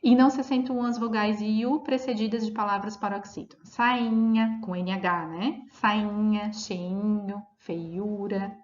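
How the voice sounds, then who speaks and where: A woman teacher explaining grammar rules in a recorded lesson, reading example words slowly and checking in with her students as she goes. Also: mid-range voice, fairly even intonation, a little mellow. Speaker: Portuguese teacher. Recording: roomy, dull lo-fi audio.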